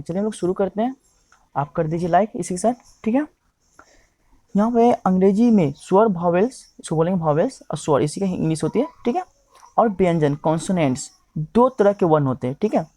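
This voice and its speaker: A man teaching English grammar, who keeps pausing to ask himself questions and checking in with his listeners. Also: sits high, warm tone, no echo. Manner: repeats "okay" and asks himself questions.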